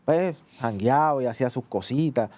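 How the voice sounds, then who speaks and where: A Puerto Rican man tells his life testimony in a mellow, darker voice. He speaks haltingly, with many "eh" and "pues" restarts. The recording is dry and close. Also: mid-range voice, no room sound. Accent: Puerto Rican Spanish. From Puerto Rico. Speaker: guest giving testimony. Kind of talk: personal testimony in conversation.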